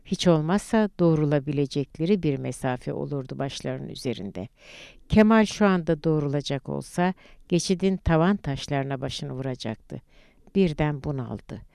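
A woman reading a literary novel aloud in a measured, deliberate audiobook narration. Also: deep voice, lively intonation, gravelly, dark tone, clean tone, dry recording, clean studio sound.

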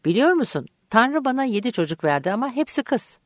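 A man's voice: very high voice, big pitch swings, brisk, a bit bright, no echo, clean studio sound, voice pushed up, full character voice. A woman reading the part of a kindly, good-humoured middle-aged uncle in an audiobook. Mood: friendly.

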